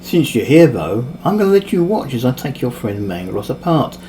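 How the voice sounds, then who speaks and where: A man's voice: mid-range voice, very animated, normal speed, mellow, slight background noise, close to an everyday voice. A man voicing a smug, overpowered male villain mage who taunts his victims with casual cruelty. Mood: gloating. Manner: mocking, cocksure, casually cruel.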